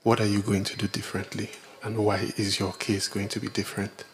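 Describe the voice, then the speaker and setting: A man's voice: fairly low pitch, flat delivery, fairly quick. A man from Nigeria, an audience member asking a probing question at a conference Q&A.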